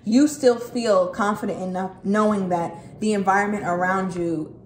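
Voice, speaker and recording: A woman's voice: medium pitch, fairly even intonation, normal speed. Chatty woman reading tarot, roomy echo. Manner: chatty, emphatic, swears casually, repeats "okay". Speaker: tarot reader. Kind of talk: casual tarot reading to camera. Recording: echoey room, faint noise.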